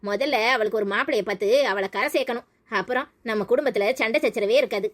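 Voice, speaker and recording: A woman voicing a bossy older mother-in-law in a cartoon, brisk and commanding. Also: fairly high pitch, a bit bright.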